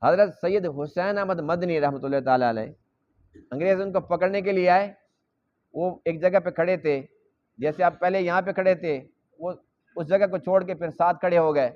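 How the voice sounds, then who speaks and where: A man with a high voice gives a Quran lesson sermon in a mosque. He explains patiently, repeating key phrases and acting out each side of a dialogue. The recording is dull and lo-fi. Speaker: mosque preacher teaching Quran.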